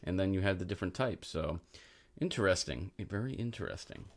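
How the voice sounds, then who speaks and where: A man's voice: low-pitched, lively intonation, fairly quick, creaky. A man hosting a podcast in casual chat, easygoing, asking his co-host questions. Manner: easygoing, asks questions, laid-back.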